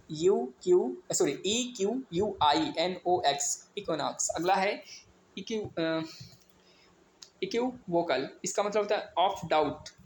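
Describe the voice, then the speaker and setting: A man teaching an exam vocabulary lesson, spelling words out letter by letter and mixing in English definitions. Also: on the high side. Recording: echoey room with faint ambient noise.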